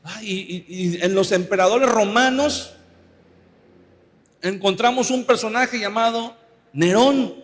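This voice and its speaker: A pastor preaching a sermon in a conversational way, often asking the congregation for agreement. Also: male voice, high voice, slow pace, pauses often. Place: church. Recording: long reverb of a church hall.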